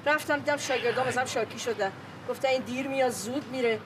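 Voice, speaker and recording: A woman's voice: sits high, natural voice. An actress playing a fed-up, overworked mother and music teacher who complains about her son in a comedy series. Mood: exasperated. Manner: exasperated, complaining. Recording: distant voice, street noise.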